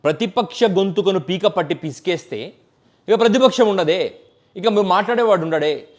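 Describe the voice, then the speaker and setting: A man's voice: high voice, animated, moderate pace, darkish tone. A man giving an impassioned political commentary, stacking repeated phrases and mixing in English words. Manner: mixes English words into speech.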